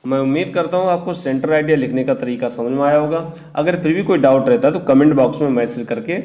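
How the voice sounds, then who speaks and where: A man's voice: mid-range voice, fast talker, darkish tone. Patient male teacher in an echoey room. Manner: patient, step-by-step, counting out syllables. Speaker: English teacher. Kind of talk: explanatory lesson.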